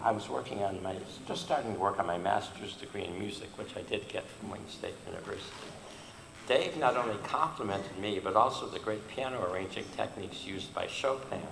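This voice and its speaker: A man's voice: on the low side, gravelly, background noise. Older man lecturing in an echoey hall. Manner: earnest storytelling with emphatic pauses. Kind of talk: storytelling lecture.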